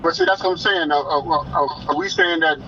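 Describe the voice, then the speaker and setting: A man speaking as a homeowner on a three-way phone call, halting and stammering over his words. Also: a little high, steady tone, sharp tone. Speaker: homeowner facing foreclosure. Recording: dull phone line, faint noise.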